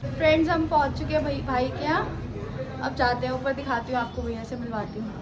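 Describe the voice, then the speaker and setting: This is a woman with a high, eager voice who chats to the camera and greets each relative as she arrives. The sound comes from a noisy phone video, with her voice a little way off the mic. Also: steady tone, a little fast. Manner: bright, eager, greeting everyone. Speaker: vlogger visiting her brother. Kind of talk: casual vlog chatter to camera.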